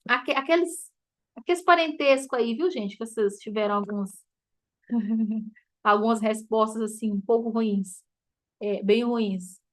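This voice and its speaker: High-voiced Brazilian woman mentor. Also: a little slow, long pauses. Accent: Brazilian Portuguese. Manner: chatty and emotive, addressing listeners as "gente", laughs often. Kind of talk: informal teaching talk to a group.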